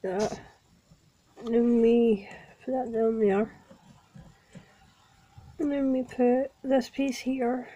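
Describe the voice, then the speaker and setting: A woman with a sniffly cold, calmly narrating each step of building a small toy set in a casual vlog. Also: a little high, slow, pauses often, highs cut off. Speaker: toy vlogger. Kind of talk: casual unboxing and building walkthrough.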